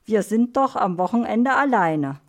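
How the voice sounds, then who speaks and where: Woman doing a gentle, soothing carer. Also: a little high, animated, unhurried, gravelly. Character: caring female carer, calm and fair.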